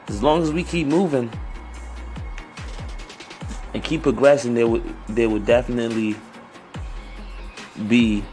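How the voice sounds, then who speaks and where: A man who sounds high, hosting a casual podcast alone in a rambling, repetitive, slangy stoner manner. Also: vocal fry, a little mellow. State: high on weed. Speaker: podcast host.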